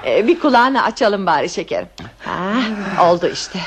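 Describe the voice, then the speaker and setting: A woman's voice: medium pitch, sing-song, moderate pace, slight background noise. An actress playing a scheming wife in a radio play, cooing syrupy endearments at her husband. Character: scheming wife feigning doting tenderness.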